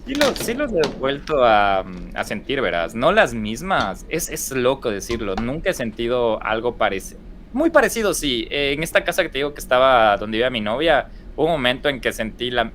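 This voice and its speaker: A man's voice: medium pitch, sing-song, moderate pace, a bit bright, a little hiss or hum. A young man with an Ecuadorian accent, telling stories casually as a podcast guest and rambling through restarts and fillers. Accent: Ecuadorian Spanish. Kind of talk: casual storytelling in conversation.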